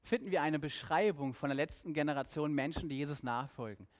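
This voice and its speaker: A man's voice: a little high, a little fast. A man preaching a sermon, earnest, with questions aimed at the listeners.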